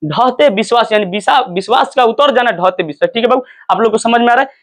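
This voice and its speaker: A man teaching a story lesson in an animated way, checking understanding with repeated questions and acting out the characters' cries. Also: very high voice, fast talker. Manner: acts out characters' cries in quoted lines.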